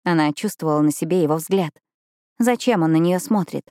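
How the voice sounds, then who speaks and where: A woman's voice: deep voice, a little fast, warm tone, no room sound, studio quality. A woman narrating a novel in an audiobook, in scripted narration.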